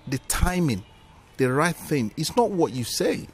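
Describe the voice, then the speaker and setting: The guest comedian, a Nigerian man with Yoruba as his first language, tells stories with lively emphasis in a podcast interview. Here his voice sounds fairly high and husky, and he goes a little slowly.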